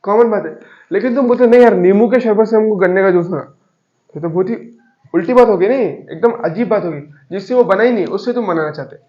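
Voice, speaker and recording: Man, teacher, classroom lecture, repeats terms, high voice, dull lo-fi sound. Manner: explains slowly with homely examples, repeats key terms. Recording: echoey, dull classroom recording.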